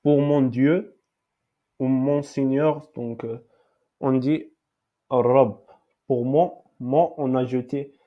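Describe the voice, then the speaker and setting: Very slow, hesitant male language teacher. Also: mid-range voice, fairly even intonation, phone-quality sound. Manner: hesitant, many fillers and restarts, repeats each word several times. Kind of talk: slow explanatory lesson with repeated example words.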